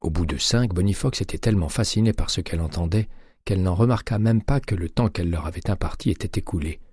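A man narrating an audiobook in a steady, measured reading. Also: sits low, breathy edge, no room sound, studio quality.

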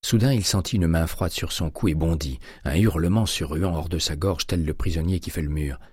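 A man narrating a crime novel audiobook in a measured, dramatic reading. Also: sits low, darkish tone, breathy edge, no echo, studio quality.

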